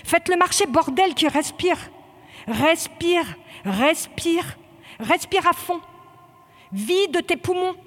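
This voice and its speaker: A woman's voice: extremely high pitch, expressive, slow pace, long pauses, long reverb tail, full character voice. Woman voicing a stern police drill lieutenant. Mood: coaxing. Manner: barked clipped commands.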